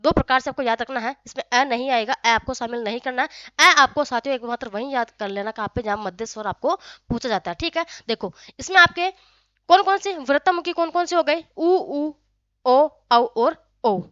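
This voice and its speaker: High-voiced woman teaching, drawn-out vowels. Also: a bit bright, no room sound, lo-fi sound. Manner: frequent questions to students, addresses them as friends; sounds out vowels slowly and deliberately. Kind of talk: classroom grammar lesson.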